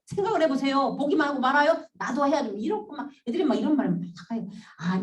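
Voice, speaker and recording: A woman psychology lecturer tells classroom stories with a bright, rather high voice that swings widely in pitch. She keeps slipping into the voices she quotes. She sounds set back from the mic in a roomy space. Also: recorded from a distance. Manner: animated, acts out quoted voices. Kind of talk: storytelling lecture.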